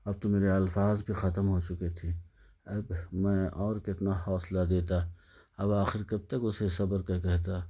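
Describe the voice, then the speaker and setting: A man's voice: deep voice, little pitch movement, mellow. A man narrating a sad story in a somber, sorrowful way.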